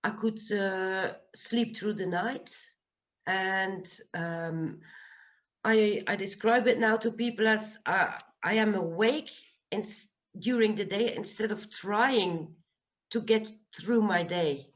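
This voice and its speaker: A woman's voice: medium pitch, slow, muffled recording. A woman on a video call describing her experience earnestly, with many hesitations and fillers. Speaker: guest giving a testimonial. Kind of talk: casual video call chat.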